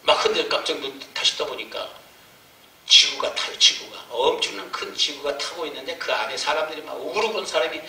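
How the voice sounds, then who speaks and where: A man preaching in a church, telling his story with strong emotion and acting out his prayers. His voice is very bright and slightly raised, and it carries through a roomy hall. He is picked up from a distance, with faint noise behind him. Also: fairly high pitch, fairly quick. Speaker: missionary preacher. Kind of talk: sermon testimony. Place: church sanctuary. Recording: echoey church from far off.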